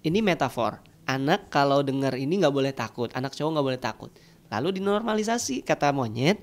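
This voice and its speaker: A man's voice: medium pitch, animated, brisk. A man who is a children's storyteller, explaining in a podcast conversation. He talks animatedly and uses sound effects.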